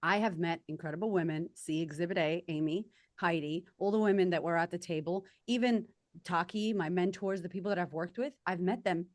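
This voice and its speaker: A woman with an Australian accent and a slightly low voice, recorded close and dry. She talks casually and candidly as a guest, with emphatic, informal phrasing. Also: a little fast, no room sound. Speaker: podcast guest. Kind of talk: casual conversational interview answers.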